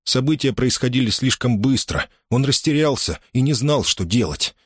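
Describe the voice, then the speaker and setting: A man narrating a dramatic story as an audiobook in a measured, expressive way. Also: medium pitch, breathy edge, no room sound, studio quality.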